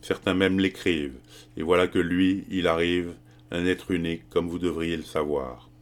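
A man's voice: low voice, fairly even intonation, moderate pace, close to an everyday voice. A man reading the part of a scheming young colonial brickmaker who speaks in an insinuating, evasive way.

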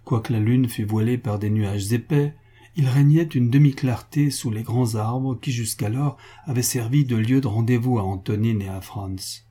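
A man narrates a novel in a measured, literary reading. His voice is dark and mellow, with a husky grain, and it sits in a middle pitch. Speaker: audiobook narrator.

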